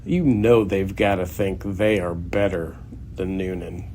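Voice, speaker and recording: A man's voice: sits low, fairly even intonation, measured pace, dark tone, slight background noise. A man, a young adult guest comedian, delivering a sarcastic, grumbling comedic rant.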